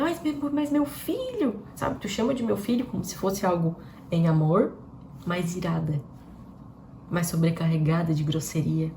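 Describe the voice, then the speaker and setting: A woman speaks in a lowish, mellow voice, leading a devotional talk for women online. She keeps turning to her listeners with rhetorical questions, chatty rather than pulpit-loud. The sound is roomy, with a faint hum of noise underneath. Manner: conversational, rhetorical questions to viewers. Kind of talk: devotional talk to a live audience.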